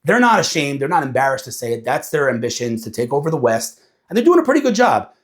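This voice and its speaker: A man talking casually to an audience, animated and acting out quoted voices as he explains. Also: medium pitch, fast. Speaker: speaker.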